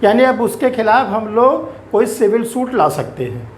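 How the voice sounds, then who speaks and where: A middle-aged man with an Indian accent giving an exam-focused law lecture, slowly stretching out key terms and mixing in English legal words. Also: high-pitched, big pitch swings, a little hiss or hum. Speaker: law teacher.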